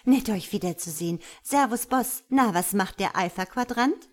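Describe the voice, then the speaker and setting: A woman's voice: mid-range voice, animated, normal speed, close to an everyday voice. A woman putting on a brash cheeky fallen angel. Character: cheeky defiant female angel Luzifera.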